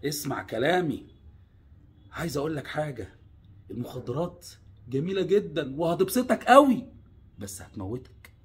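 A young man with an Egyptian Arabic accent gives an earnest, pleading warning to his viewers, jumping from loud urging to low hushed lines. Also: big pitch swings, moderate pace, pauses often, slightly rough. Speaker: vlogger. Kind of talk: personal warning monologue.

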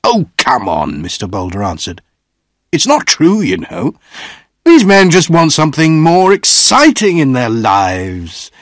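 Wry dismissive businessman, read by a man, very lively pitch, slow delivery. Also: no room sound, studio quality. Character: skeptical older businessman, dismissive. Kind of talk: audiobook character voice.

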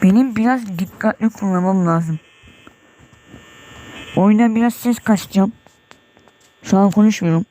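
Unhurried and pausing often, a man with a high, mellow voice comments on his horror game run over a slight hiss or hum. He's sweaty and nervous, jumpy and tense, mumbling prayers and exclamations and yelping at frights.

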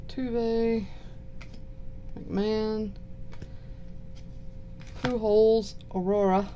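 A woman with a Southern US accent giving low-key, mumbled casual commentary while unboxing cards. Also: steady tone, very slow, dull audio, slight background noise. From southern United States. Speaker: card box-break host. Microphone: purchased microphone.

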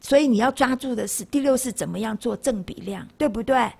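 An older woman, teaching a Buddhist class in a classroom. Her voice sits fairly high, with a gravelly fry and a husky edge. She talks in a lively way and keeps turning to her students with rhetorical questions. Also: a little fast. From Taiwan. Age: 60s. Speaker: lay Buddhist lecturer. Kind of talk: classroom dharma lecture.

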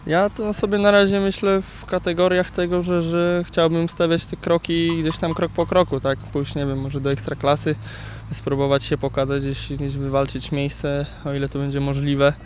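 A young footballer in his twenties answering interview questions outdoors beside a pitch, halting with many repeated words. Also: little pitch movement. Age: 20s. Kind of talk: post-training interview. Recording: faint outdoor noise.

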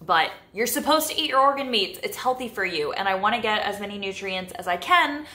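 Her voice is mid-range, expressive, brisk, pushed, and bright as she vlogs casually from her home kitchen. She's a young woman in her twenties, speaking to a close-up camera in front of her and leaning heavily on fillers such as "like" and "you know."

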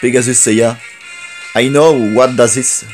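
A man with a French accent voicing a brash young male hero warrior, reading the game's lines slowly and carefully. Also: mid-range voice, fairly even intonation, music in the background, close to an everyday voice. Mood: earnest. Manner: slow, careful reading of game dialogue.

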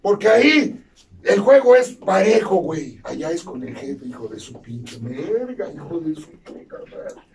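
A Mexican man with a Mexican Spanish accent giving crude, profanity-laden testimony at a support meeting, bursting into shouts. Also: sits high, sing-song, a little slow, vocal fry, crowd noise. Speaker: recovery group speaker. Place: meeting hall. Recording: distant mic in a noisy crowded room.

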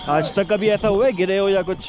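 A man's voice: sits high, fairly quick, over loud music. A young man chatting casually as he vlogs on a mountain trek on horseback, often breaking into exclamations. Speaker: vlogger. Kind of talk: casual travel vlog narration.

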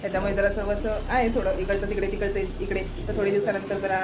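A woman's voice: mid-range voice, flat delivery, fast. A woman vlogging at home, chatting casually and pointing things out to her viewers. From Maharashtra. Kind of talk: casual home vlog narration.

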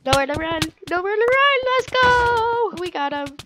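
Cheering and groaning through a game, this young gaming video creator offers casual commentary in a stuffy, sick-sounding voice. She's very high-pitched and animated, speaking at normal speed, and the recording is very noisy.

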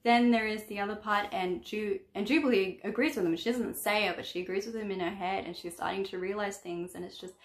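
A woman's voice: mid-range voice, steady tone, fairly quick, few pauses. A woman chatting about a book she read, rambling and often correcting herself. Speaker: book vlogger. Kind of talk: casual book review. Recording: echoey room.

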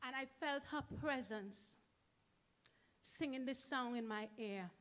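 A woman's voice: high voice, slow pace, fairly bright tone. A middle-aged woman from Trinidad, giving a heartfelt memorial eulogy in short, emphatic phrases as a church member.

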